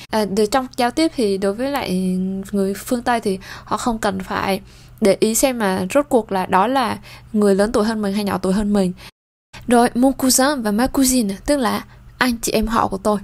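A French teacher with an ordinary female pitch leads a bilingual language lesson, saying each French word slowly and clearly and repeating it for learners. Between the drills, she explains things in plain, steady speech.

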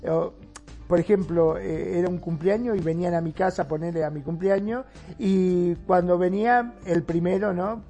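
This co-host speaks with a gravelly, creaky edge, telling stories in a lively, chatty way and checking in with the listener. The pitch sits in the middle range. Faint music runs underneath. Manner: animated storyteller, quick asides, seeks agreement. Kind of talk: casual chat.

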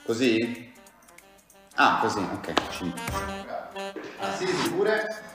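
Low-voiced playful woman, very echoey room. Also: slow. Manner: teasing, encouraging, lively. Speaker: interviewer of children. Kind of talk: playful questioning of a child. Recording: very echoey room with faint music.

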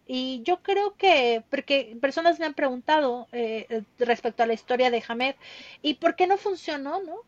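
A woman's voice: sits high, dry recording, dull audio. A Mexican woman in her thirties, a guest telling her travel story in a casual interview, with many fillers and tag questions.

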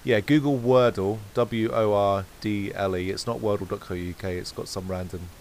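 Low-voiced man chatting casually, faint hiss. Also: normal speed, rough recording. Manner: rambling, self-correcting, relaxed. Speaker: podcast co-host. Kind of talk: casual chat.

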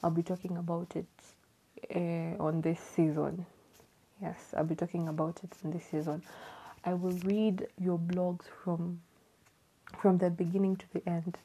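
Hesitant woman with a dark husky voice. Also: fairly low pitch, little pitch movement, unhurried, rough recording. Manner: hesitant, repeating herself with fillers. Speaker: podcast host. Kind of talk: casual chat to listeners.

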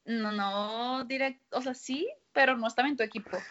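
Young Mexican woman, amused slangy chat, a bit high, dull lo-fi recording. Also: steady tone, moderate pace, fairly bright tone. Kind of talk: casual storytelling. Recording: dull lo-fi sound.

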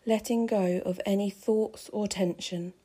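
A woman calmly guiding a pregnancy relaxation meditation with slow, soothing, measured phrasing. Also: medium pitch, husky. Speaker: meditation guide.

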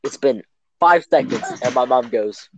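A man's voice: medium pitch, animated, moderate pace, lo-fi sound, soft background music. A teenage boy co-hosting a podcast, telling a long rambling story full of fillers and acted quotes in casual chat. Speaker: podcast co-host.

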